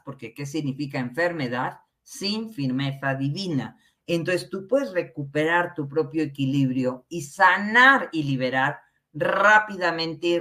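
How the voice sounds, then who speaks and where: A woman giving a spiritual talk, slow and emphatic, often checking in with a tag question. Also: on the low side, fairly bright tone. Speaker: spiritual teacher. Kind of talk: spiritual talk to an online audience.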